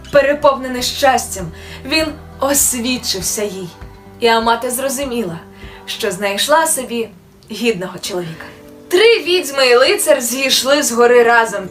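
High-voiced woman reading a fairy tale. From Ukraine. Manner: gentle, expressive storytelling. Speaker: storyteller. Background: soft music.

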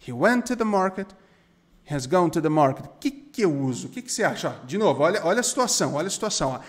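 A young man from Brazil teaches an English grammar point in a relaxed, conversational way. His voice sits a little high for a man, and he keeps the energy up by stressing words and throwing questions at his viewers. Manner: lively, emphatic, asks the viewer questions often. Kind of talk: casual spoken grammar lesson.

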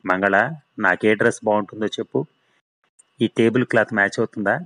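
A man's voice: lowish voice, steady tone, fairly bright tone, no echo. A man voicing a fussy, anxious young housewife who fires off questions. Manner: rapid, fretful questioning.

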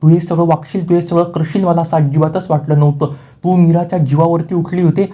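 A stern older patriarch from a family serial, read by a man, hurling condemnations. He sits only a little above the narrator's pitch. The delivery is rapid, level and dark. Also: level tone, natural voice. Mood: furious.

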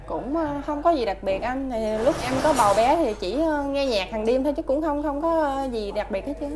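A woman's voice: sits high, expressive, brisk, a crowd in the background. A woman with a Southern Vietnamese accent answering interview questions about her child, hesitant and polite, with many fillers.

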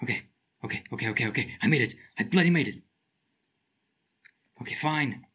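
Let's play host, male, slight lisp, husky tone, wildly swinging pitch, excitable commentary. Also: a little fast. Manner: excitable, shrieks and mutters to himself. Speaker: gaming channel host.

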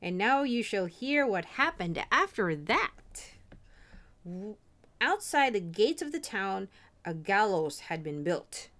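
A woman reading a fairy tale aloud in an expressive, animated storytelling manner. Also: mid-range voice, slow.

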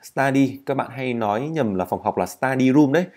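A Vietnamese man with a Vietnamese accent teaching an English speaking lesson, explaining slowly and repeating words to model their pronunciation. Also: medium pitch, animated, a little mellow.

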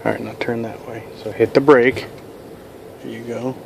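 A man's voice: medium pitch, fairly even intonation, moderate pace, vocal fry. Man coaching like a driving instructor, noisy car. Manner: coaching like a driving instructor, short repeated directions. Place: inside a car in a parking lot. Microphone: handheld camera from passenger seat. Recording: noisy moving car interior.

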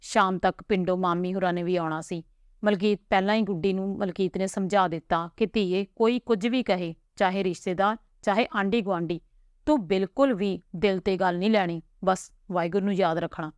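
A woman storyteller reading a serialized family story in a calm, measured way. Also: medium pitch, smooth, dry recording. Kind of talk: scripted story narration.

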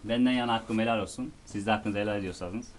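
A man's voice: lowish voice, steady tone, quick pace, a crowd in the background. A young man, a departing soldier, giving a solemn, formal farewell speech to his unit. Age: young adult. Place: military unit outdoors among soldiers.

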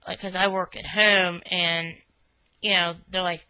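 A woman's voice: lowish voice, flat delivery, measured pace, sharp tone, clear, resonant tone, no room sound. Woman, meandering casual monologue, dry close sound, dull webcam audio. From Northern Kentucky, USA. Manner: chatty, meandering, many fillers like "you know". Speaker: vlogger reviewing a restaurant.

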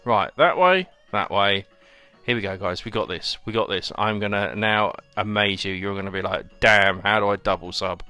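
A man's voice: fairly low pitch, moderate pace, bright, forceful tone, clear, resonant tone. A young man giving chatty, sarcastic commentary while he plays a video game and talks to his viewers. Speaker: host playing a video game. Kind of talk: let's play commentary. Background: faint game music.

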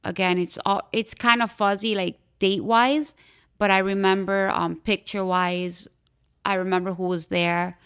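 A young woman from Miami, telling her own story as a podcast interview guest in a candid, halting way, with frequent fillers and restarts. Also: mid-range voice, flat delivery, fairly bright tone, clean tone. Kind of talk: personal testimony in a podcast interview.

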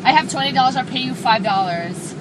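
A woman's voice: high voice, lively intonation, brisk. A young woman in casual conversation, pleading and insisting as she bargains. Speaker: passenger bargaining over a cab fare. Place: outdoors on a street at night, beside a car. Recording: distant voice over loud traffic noise. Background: vehicle engines and street noise.

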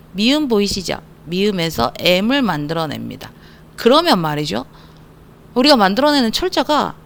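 A woman with an animated, sing-song delivery teaches English words to children, her pitch leaping up for jokes and mock surprise. She speaks at a middling pitch with a playful, self-mocking energy, and she slows almost to a crawl whenever she spells letters out. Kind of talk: online vocabulary lesson.

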